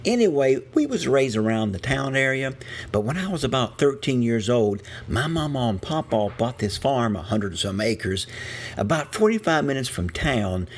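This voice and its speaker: Over background music, a very animated man with a mid-range voice speaks at normal speed. He's an older West Virginian with an Appalachian accent, recounting a true personal story in a folksy, wry way and chuckling as he goes.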